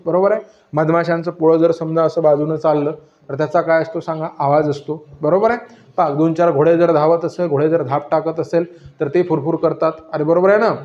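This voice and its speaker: A man teaching a grammar lesson, asking questions and then answering them himself, repeating the key points. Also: high-pitched. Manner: repetitive, drilling. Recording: echoey room, dull lo-fi sound.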